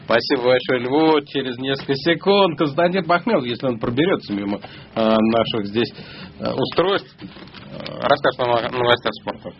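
A man speaking in an easy middle register, his studio mic crackling with fuzzy distortion. The sound is muffled and lo-fi, and a loud hiss sits under his voice. He talks casually and drily, like a host joking with his co-hosts. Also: medium pitch, moderate pace. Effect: crackling, fuzzy distorted microphone. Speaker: radio host. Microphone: studio microphone.

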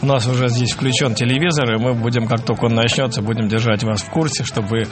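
A man's voice: mid-range voice, steady tone, fast talker. A man hosting a live radio music show in a casual, somewhat hesitant and rambling way.

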